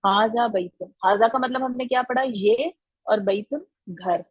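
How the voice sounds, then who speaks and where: A woman's voice: fairly high pitch, a little slow, slightly rough, no room sound, phone-quality sound. A woman teaching children in an online class, patient and encouraging, repeating each answer back to them.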